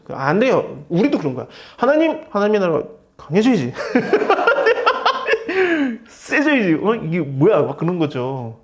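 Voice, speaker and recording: A middle-aged man leading an informal Bible study, acting out quoted lines and laughing often. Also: sits high. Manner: animated, acts out quoted dialogue, laughs often.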